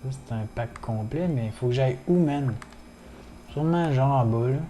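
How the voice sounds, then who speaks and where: Québécois male streamer, mellow low voice, loose casual chatter peppered with curses, addresses chat directly. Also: normal speed, slight background noise. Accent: Québécois French. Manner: swears often, chatty, greets viewers in chat. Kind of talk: casual gaming livestream chat.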